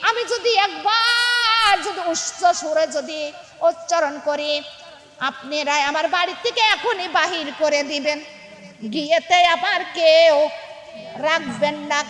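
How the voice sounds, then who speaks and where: A woman's voice: extremely high pitch, fairly bright tone. A woman voicing a pious young wife in a religious story, speaking in an earnest, pleading way. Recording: echoey hall reverb.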